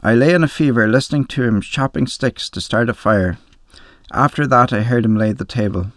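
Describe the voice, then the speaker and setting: A man reading a short story aloud, narrating with measured, expressive first-person storytelling. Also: medium pitch, no echo, clean studio sound. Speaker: reader.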